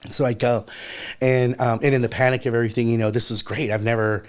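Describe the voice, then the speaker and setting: This actor guest speaks quickly in a mid-range voice as he spins a lengthy story during a relaxed interview. He keeps dropping "you know" and performs the quoted voices with lively energy.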